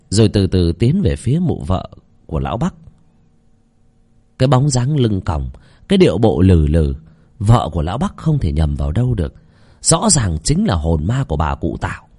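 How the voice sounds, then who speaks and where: A man's voice: fairly low pitch, breathy edge. Dramatic male horror storyteller. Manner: dramatic, very expressive intonation.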